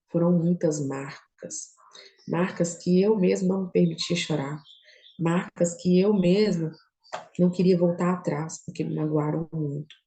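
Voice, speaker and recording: Middle-aged woman telling her faith story, lowish voice, gets emotional, echoey room. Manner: emotional, shifts from quiet and low to high and animated. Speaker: children's book author.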